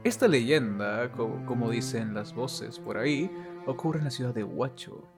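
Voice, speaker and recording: A man's voice: medium pitch, measured pace, over loud music. A young man with a Peruvian accent telling a legend as a crude, joking co-host. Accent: Peruvian Spanish. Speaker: podcast co-host. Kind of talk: comic storytelling.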